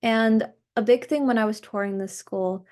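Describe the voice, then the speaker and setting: A woman's voice: a little high, normal speed. A teenage girl from New Jersey answering panel questions casually, with many "like"s. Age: teens. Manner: relaxed, many "like"s. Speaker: student panelist.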